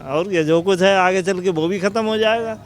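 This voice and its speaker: A male bystander with a high voice breaks into a street interview. He chimes in offhandedly over the others. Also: normal speed. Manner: chiming in, offhand.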